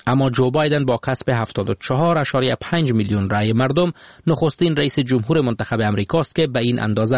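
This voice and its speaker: A man with an Afghan Dari accent presenting the news in a steady, formal reading voice. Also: mid-range voice, no echo. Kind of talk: news report.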